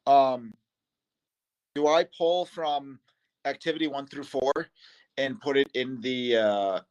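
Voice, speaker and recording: A man with a Boston accent, a student talking in an online class over a video call, hesitant and halting. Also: medium pitch, darkish tone, smooth, low-quality recording. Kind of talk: casual class discussion.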